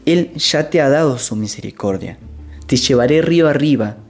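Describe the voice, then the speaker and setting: A storyteller voicing a calm, firm eldest brother who speaks with earnest steadiness. The voice keeps a lively melody, and faint music runs behind the storybook reading. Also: medium pitch, moderate pace, natural voice.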